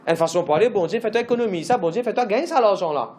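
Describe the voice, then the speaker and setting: A man's voice: high-pitched, expressive, rapid-fire, darkish tone, echoey room, slight background noise. A man pastor, preaching a sermon emphatically with lots of repetition and English phrases mixed in.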